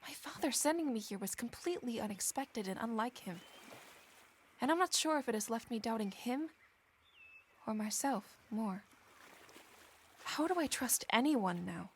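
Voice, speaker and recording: A young Regency lady with a fairly high voice, in the style of stagey period drama. She is genteel, free-thinking and full of questions, with faint ambient noise around her. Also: lively intonation, normal speed, pauses often. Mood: doubtful, reflective.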